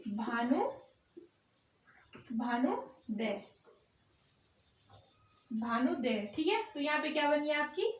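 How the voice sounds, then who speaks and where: A woman's voice: high voice, lively intonation, normal speed. A woman teaching a Hindi grammar lesson with an Uttarakhand Hindi accent, asking questions and answering them herself, often checking "theek hai". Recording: echoey room, dull lo-fi sound.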